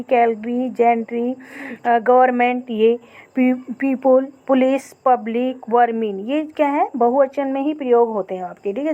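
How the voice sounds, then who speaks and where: A woman teacher explaining grammar in a recorded lesson, often checking in with "okay" and reading example sentences slowly. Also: a little high, mellow, highs cut off. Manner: checks in with frequent "okay" and "theek hai".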